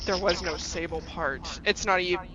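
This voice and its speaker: A woman chatting casually with friends while gaming, loud, teasing and swearing a lot. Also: on the low side, moderate pace, dull audio, a crowd in the background. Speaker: gamer in voice chat.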